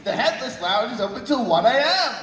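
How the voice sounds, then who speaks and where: A man with a high, lively voice jokes and shouts announcements with theatrical flair. He swoops up and down in pitch. The sound is echoey and distant, buried in a loud, cheering crowd. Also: a little fast, very noisy. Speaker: master of ceremonies. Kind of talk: playful stage announcing to a crowd.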